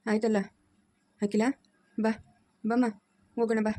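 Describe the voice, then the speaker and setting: A woman's voice: on the high side, monotone, a little slow, dark tone, no room sound, close to an everyday voice. A middle-aged woman playing a stern, wounded mother who scolds her family firmly in a home drama. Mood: hurt, resigned. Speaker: mother-in-law. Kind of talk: amateur family drama acting.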